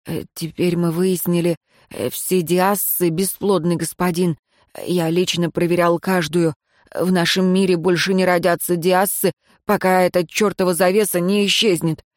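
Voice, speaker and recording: Give me a stammering, frightened servant, as a woman narrator acts him out who hesitates and falters. He speaks in a lowish, halting voice. The recording is close and dry, like an audiobook. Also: level tone, dry recording, natural voice. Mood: nervous.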